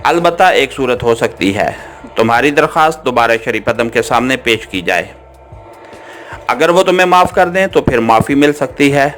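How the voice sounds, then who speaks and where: A man voicing an armed male cult guard in an audiobook, speaking in a harsh, flat tone over soft background music. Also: mid-range voice, moderate pace, close to an everyday voice. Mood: measured. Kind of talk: audiobook character reading.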